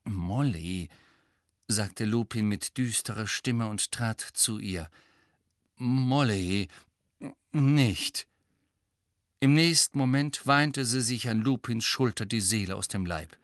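A man's voice: slow, dry recording, clean studio sound, lightly acted. A man doing a grave, soothing wizard. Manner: calm and low, soothing. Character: grave, calm adult male wizard, comforting.

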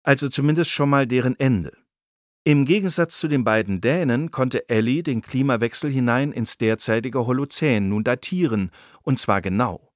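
A man's voice: mid-range voice, moderate pace, no room sound, studio quality. A man reading nonfiction in a scripted, engaged storytelling manner. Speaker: narrator.

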